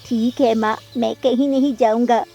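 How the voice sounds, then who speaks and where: A woman's voice: on the high side, steady tone, normal speed, mellow, soft background music, natural voice. A woman voicing a young boy sparrow in a cartoon, caring and apologetic toward his sister. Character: gentle young boy sparrow, little brother.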